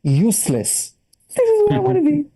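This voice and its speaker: Dark-voiced Israeli man doing stand-up. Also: normal speed, creaky. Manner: animated, jumps high in pitch for punchlines; broken English phrasing. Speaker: stand-up comedian. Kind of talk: stand-up set on a video call.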